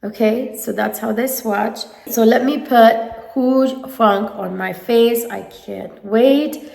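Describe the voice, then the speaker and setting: A woman with a stuffy, nasal head cold gushes over makeup for her viewers in a slow, unhurried way. Her voice has a gravelly edge. She is recorded in a roomy space with a long echo. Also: on the high side, a little mellow. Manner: gushing, enthusiastic. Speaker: beauty vlogger. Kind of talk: casual makeup review.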